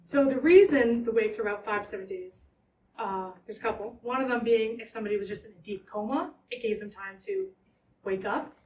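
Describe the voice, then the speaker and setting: Echoey, distant higher-voiced woman guiding a tour. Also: animated, a little mellow. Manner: conversational, halting, loosely explanatory. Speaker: ghost tour guide. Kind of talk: informal guided tour narration to a small group. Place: indoors in a house parlor. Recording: roomy echo, distant mic, background noise.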